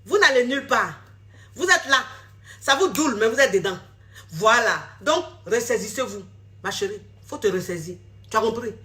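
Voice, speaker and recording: A female relationship coach talks directly to camera for social media in a high, bright voice with lively intonation at a normal speed. She is blunt and scolding, hammering the same points again and again.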